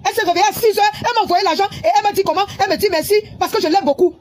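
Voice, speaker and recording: A woman's voice: very high voice, very fast, slight background noise. A woman, scolding and repeating herself in an angry livestream on her phone camera. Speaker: social media personality.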